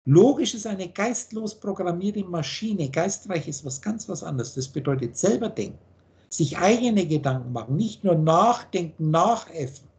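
A man's voice: high-pitched, animated, normal speed, a little mellow. A man teaching in a video call, blunt and preachy, firing off rhetorical questions. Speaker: spiritual teacher.

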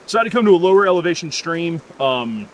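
A man in his thirties hosting a fly fishing trip outdoors by a mountain stream, talking in a relaxed, easygoing way with plenty of ums. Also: on the high side, quick pace, a little hiss or hum. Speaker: fly fishing guide and host. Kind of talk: casual outdoor vlog talk.

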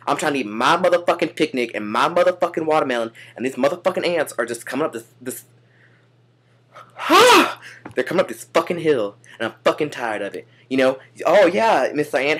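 A man's voice: mid-range voice, a bit bright. A young man ranting profanely and exasperatedly in a comedy vlog, stammering and restarting as he goes. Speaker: comedian vlogger. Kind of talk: satirical rant vlog.

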